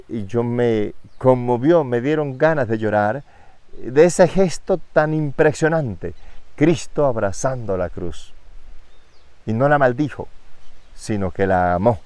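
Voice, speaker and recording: Male preacher, medium pitch, dry recording. Emphatic sermon delivery with rhetorical questions. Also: darkish tone, no echo. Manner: emphatic, rising on scripture readings, rhetorical questions.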